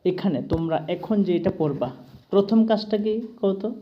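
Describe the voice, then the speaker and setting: A woman's voice: mid-range voice, normal speed, highs cut off. Patient woman teaching grammar. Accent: Bengali from Tripura. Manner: patient, keeps checking understanding with "ঠিক আছে?". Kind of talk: explaining grammar to students.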